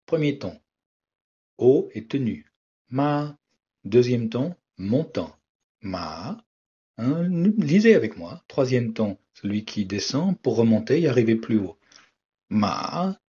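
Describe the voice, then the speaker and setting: Slow husky-voiced male teacher. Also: medium pitch, lively intonation, warm tone. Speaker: language teacher. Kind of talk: scripted explanatory narration. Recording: dull lo-fi recording.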